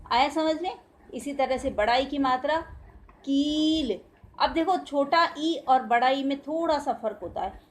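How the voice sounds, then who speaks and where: A woman teacher with an Indian Hindi accent giving a recorded grammar lesson to young children, sounding out syllables slowly for them to repeat. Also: high voice, darkish tone. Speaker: school teacher.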